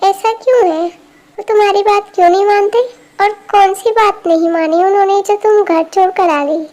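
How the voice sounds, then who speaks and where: Woman voicing a gentle young man, fan dub, reassuring, very high voice. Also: fairly even intonation, moderate pace. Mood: scolding. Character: young man, calm and caring. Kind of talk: amateur Hindi fan dub.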